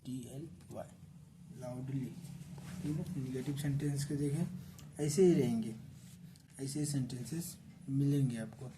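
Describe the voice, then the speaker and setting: A man with an Indian accent teaching English grammar in a slow classroom style, spelling words out letter by letter and checking in with his students. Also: mid-range voice, noisy background.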